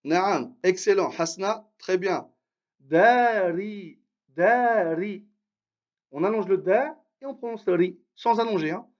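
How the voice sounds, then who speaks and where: A man's voice: high-pitched, expressive, moderate pace, hardly any pauses, darkish tone, highs cut off. A man teaching Arabic reading in a live online lesson, patiently sounding out syllables and praising his students by name.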